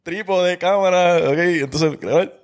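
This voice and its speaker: A man's voice: high-pitched, measured pace, heavy background noise. A man with a Puerto Rican Spanish accent, asking questions and reacting in a casual chat. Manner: quizzing, reacts with short swears.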